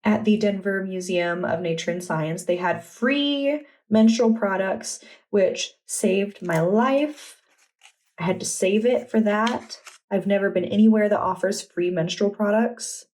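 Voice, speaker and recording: A young adult woman vlogger chatting in a relaxed, enthusiastic way as she walks through her journal. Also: mid-range voice, a little slow. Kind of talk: casual vlog narration.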